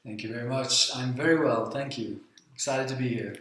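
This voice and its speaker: A young Swedish-born man, a guest on a podcast, talking in a relaxed, friendly way with frequent ums. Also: medium pitch, a little fast. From Sweden. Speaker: guest, founder of a talent accelerator. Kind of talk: casual interview talk. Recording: echoey room.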